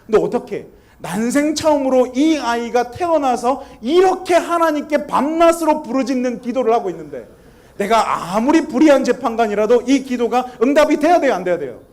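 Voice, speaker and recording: A pastor, a man in his thirties, delivers his sermon in a strikingly high voice that swings widely up and down. He tells stories from home, acting out the family's lines, and keeps putting questions to the congregation. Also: big pitch swings, a little fast, a little mellow. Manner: storytelling, acting out family dialogue.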